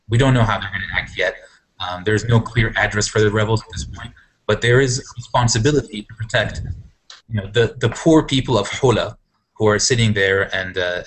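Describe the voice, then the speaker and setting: A man from Syria hosting an online panel, talking in a halting way with many restarts. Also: fairly low pitch, a bit bright, breathy edge. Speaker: host of an online panel discussion. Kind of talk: casual live video discussion.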